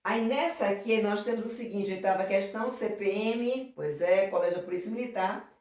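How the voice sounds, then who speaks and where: A woman's voice: medium pitch, moderate pace, darkish tone. A woman teacher going through exam questions, talking affectionately with lots of diminutives and constant check-ins with her students. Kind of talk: exam prep lesson. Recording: very echoey room, mic far off.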